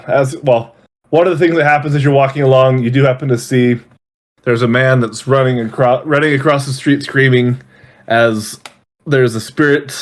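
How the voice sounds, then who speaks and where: Casting: male game master, mid-pitched, halting and self-correcting narration.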